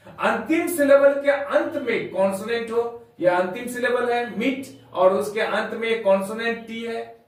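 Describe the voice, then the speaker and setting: Male grammar tutor, high voice, very echoey room, mic far away. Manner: spells words out letter by letter; addresses students as dear children. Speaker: English grammar teacher. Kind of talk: classroom lesson.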